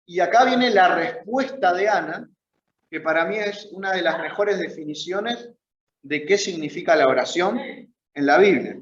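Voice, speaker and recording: A man with a high voice and an Argentine Spanish accent leads a Bible study lesson in a church meeting room, speaking at a moderate pace and often checking in with listeners. The recording is muffled and reverberant, with a little hiss or hum.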